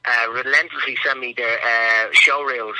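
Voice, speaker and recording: A man's voice: mid-range voice, steady tone, normal speed, bright, forceful tone, no room sound, low-quality recording. A male comedian guest in a casual radio interview, rambling through funny stories and chuckling at his own punchlines.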